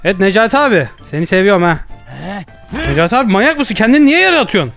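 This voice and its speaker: Young man, high voice, rapid-fire talk, comedic game commentary, faint music underneath. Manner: excitable, jokey, loud outbursts. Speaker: gaming YouTuber.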